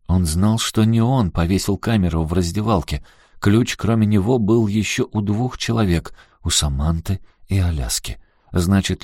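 A man narrating an audiobook in a measured storytelling manner. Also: low voice, mellow, no room sound, studio quality. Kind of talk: scripted narration.

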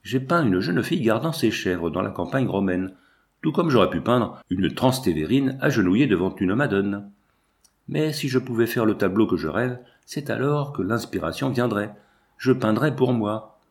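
A man reading the part of an earnest, proud young painter in a storybook, sincere and measured. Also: fairly low pitch, expressive. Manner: earnest, then cold and stiff.

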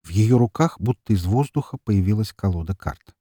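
Husky expressive male audiobook narrator. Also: on the low side, moderate pace, dry recording, studio quality. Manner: expressive, dramatic reading. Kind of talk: scripted narration.

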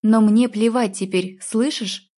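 A bitter, jealous young man who has been drinking, snapping out harsh accusations, as a woman narrator puts him on. The voice stays mellow and warm, in a middle register. It is read as part of an audiobook. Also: fairly high pitch, fairly even intonation, unhurried.

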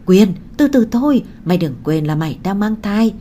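A woman's voice: medium pitch, lively intonation, moderate pace, warm tone, a little hiss or hum, lightly acted. A woman voicing a young woman's anxious, caring best friend, speaking in a pleading way. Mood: urgent.

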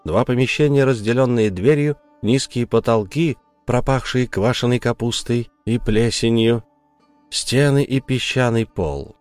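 A man narrating a dark story in a steady, measured audiobook style. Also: medium pitch, dry recording, soft background music.

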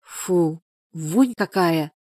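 A woman's voice: lowish voice, lively intonation, drawn-out words, warm tone, no echo, studio quality, exaggerated voice. A woman voicing a fussy village neighbor who acts as midwife, scolding and fussing in a folksy way.

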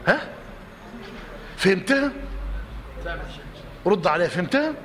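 In a reverberant hall with faint background noise, an Egyptian-accented teacher goes over his points again and again and quizzes the class. He talks a little fast, his voice on the high side, a bit bright and lively in intonation.

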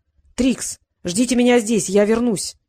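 A woman's voice: fairly high pitch, measured pace, dark tone, no echo. A woman voicing a male court jester in an audiobook, firm and insistent.

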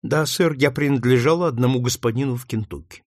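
A man's voice: mid-range voice, brisk, no room sound, studio quality, close to an everyday voice. A man reading the part of a fearful young runaway woman, who answers meekly and desperately. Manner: meek, desperate.

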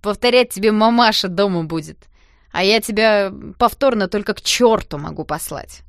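A woman doing a loud crude teenage bully. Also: mid-range voice, normal speed, dry recording, studio quality, close to an everyday voice. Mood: mocking. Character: brash teenage male school bully.

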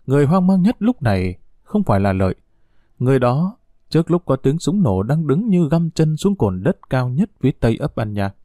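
Guy reading a war novel out loud, dramatic, mellow voice, dry close sound. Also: mid-range voice, no echo. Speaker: audiobook narrator. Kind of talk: scripted narration of a war novel.

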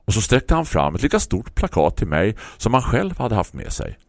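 A man's voice: on the low side, wildly swooping pitch, no echo, studio quality. A man hosting a morning radio talk show, telling a wry story in a leisurely way. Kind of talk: reading a personal story on radio.

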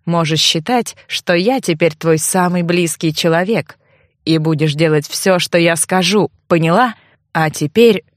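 A woman's voice: lowish voice, a little slow, no room sound, clean studio sound, pitched below the performer's own voice, close to an everyday voice. Woman doing a smug taunting young man. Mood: menacing. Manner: sly, taunting, purring. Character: young man, mocking, menacing, smug blackmailer.

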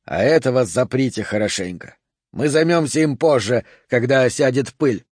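A man's voice: medium pitch, animated, moderate pace, husky, dry recording, clean studio sound. A man reading an audiobook voices a blustering, short-tempered male police chief who barks his orders. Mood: furious. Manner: barking, shouting.

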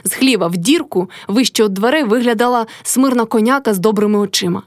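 Brief: female audiobook narrator, expressive, higher register, dead-dry booth sound. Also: fast, no echo. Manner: expressive reading. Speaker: reader. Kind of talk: audiobook narration of a classic novel.

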